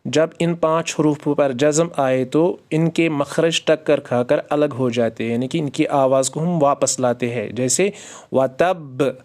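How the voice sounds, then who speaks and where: A man teaching Quran reading, spelling each word out slowly letter by letter and stopping to explain the rules, asking questions and answering them himself. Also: on the high side, darkish tone. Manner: slow drawn-out spelling with quick explanations in between.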